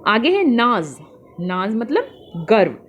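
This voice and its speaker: A woman teacher patiently walking young children through a worksheet, spelling out answers slowly and calling her pupils "beta". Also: fairly high pitch, big pitch swings, lo-fi sound, slight background noise.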